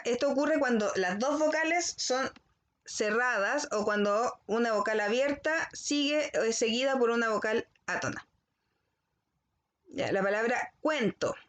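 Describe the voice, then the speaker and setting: A woman teacher giving a recorded language lesson to children. She explains slowly and carefully and keeps checking in with the class. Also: on the high side, a bit bright. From Chile.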